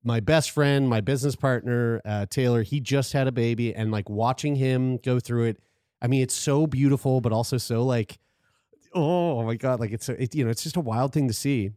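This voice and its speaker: A thirty-five-year-old podcast host talks casually in a warm, mid-range voice at a moderate pace. He restarts often and swears casually, and the clean studio sound has no echo.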